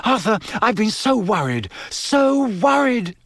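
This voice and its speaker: A man's voice: high voice, very animated, takes it slowly, vocal fry, fairly bright tone, no echo, voice pushed up, exaggerated voice. A man voicing an anxious, fussing middle-aged mother in a storybook reading, with a distraught manner. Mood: tearful relief.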